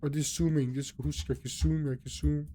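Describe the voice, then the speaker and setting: Young man, gaming commentary, nervous, higher voice, faint background hiss. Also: level tone, mellow. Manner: jittery, nervous, talks to himself and viewers. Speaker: gaming youtuber. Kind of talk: scared horror gameplay commentary.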